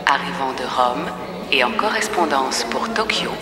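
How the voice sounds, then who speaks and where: A woman reading formal airport boarding announcements in a measured way. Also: very deep voice, expressive. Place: airport terminal. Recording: echoey airport hall with crowd.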